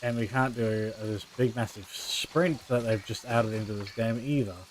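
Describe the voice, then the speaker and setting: A man's voice: fairly low pitch, steady tone, moderate pace, a little hiss or hum. A young man giving casual gameplay commentary as a streamer, griping about the game and swearing freely. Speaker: gaming streamer.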